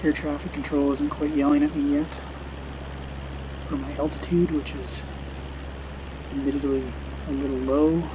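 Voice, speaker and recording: Over a noisy background, a middle-aged man streams himself flying a simulator, speaking in a fairly high, level voice. His off-the-cuff commentary is tentative and reflective as he slowly drifts into reminiscing.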